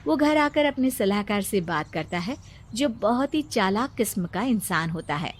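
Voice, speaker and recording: A woman narrating a cartoon story in a calm, storytelling way. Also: mid-range voice, moderate pace, slight background noise.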